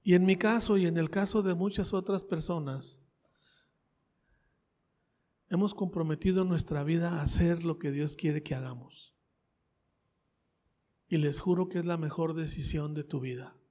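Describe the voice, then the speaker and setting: A man's voice: fairly high pitch, steady tone, a little slow, long pauses, darkish tone. A man with a Mexican accent preaching a sermon with his own testimony, talking conversationally, repeating phrases and asking his listeners questions. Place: church. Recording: reverberant church hall.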